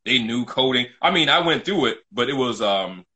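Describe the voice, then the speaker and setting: Expressive and sharp in tone, his medium-pitched voice keeps a moderate pace. A middle-aged man from New City, New York City, United States, he's a casual interview guest recounting his own story, emphatic and often repeating himself.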